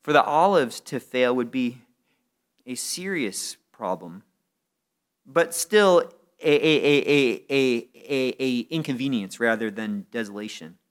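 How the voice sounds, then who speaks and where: A man's voice: medium pitch, expressive, a little slow, clear, resonant tone. A man preaching a sermon, earnest, often repeating a word before finding his phrase. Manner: earnest, repeats words when stuck, rises in intensity on key phrases. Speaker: pastor.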